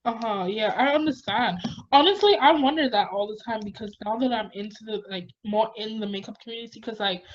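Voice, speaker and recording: A woman chatting casually in a loose, rambling way, as if interviewing a friend. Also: medium pitch. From Caribbean, lived in Jamaica. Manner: rambling, peppered with "like". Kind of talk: casual chat. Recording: dull lo-fi sound, noisy background.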